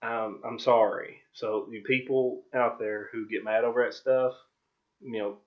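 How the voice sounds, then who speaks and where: A man with a mid-pitched voice hosts a video commentary. He tells stories in a loose, informal, rambling way, and the recording is somewhat dull and lo-fi. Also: fairly even intonation, a little slow. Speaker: video host. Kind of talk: casual commentary over own footage. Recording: dull, lo-fi microphone audio.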